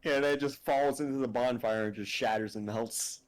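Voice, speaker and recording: A woman's voice: very deep voice, normal speed, darkish tone. A woman playing a tabletop game, talking in a drawling, hesitant, wry way. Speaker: player. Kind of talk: casual tabletop game play.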